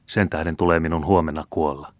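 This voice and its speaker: A man's voice: extremely low pitch, steady tone, dry recording, clean studio sound. A man voicing an aging proud general who speaks to his son in a grave, impassioned way, read as an audiobook character. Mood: fervent.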